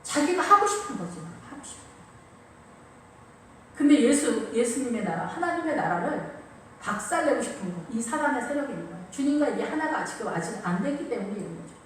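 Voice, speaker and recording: A woman preacher giving a lively sermon, repeating phrases and acting out quotes, recorded from a distance in an echoey church with faint ambience. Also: a little high, a little fast, a little hiss or hum.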